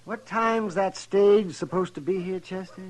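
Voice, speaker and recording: An actor playing a crabby, grumbling frontier doctor in a 1950s western radio drama. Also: male voice, high voice, unhurried. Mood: grumpy. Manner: testy, grumbling.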